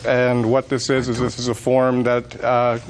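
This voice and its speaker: American guy explaining stuff to a judge, kinda formal, bit halting, slight room noise. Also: mid-range voice, completely flat delivery. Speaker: defendant in TV court.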